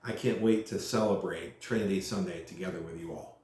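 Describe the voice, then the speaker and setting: A male pastor speaking earnestly in a teaching way, slowing down to stress long lists. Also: sits low, a little mellow. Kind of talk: church announcement talk, sermon-like. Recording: very echoey room.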